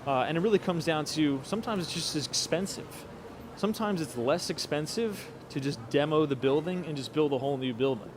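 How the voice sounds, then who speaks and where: A man's voice: fairly high pitch, expressive, a little fast. Late-twenties male vlogger, casual walk-and-talk, street noise in the mix. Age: 20s. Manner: chatty, thinking aloud with fillers and asides to viewers. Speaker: livestream walking vlogger. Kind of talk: casual livestream chat while walking. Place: outdoors on cold city streets at night.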